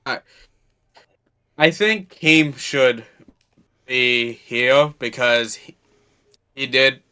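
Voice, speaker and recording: A man calling into a live stream who talks haltingly and trails off, his voice cutting up over a buzzy, glitchy internet call. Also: mid-range voice, pushed and bright, clean tone. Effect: breaking-up, glitchy internet call audio. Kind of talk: casual live-stream chat.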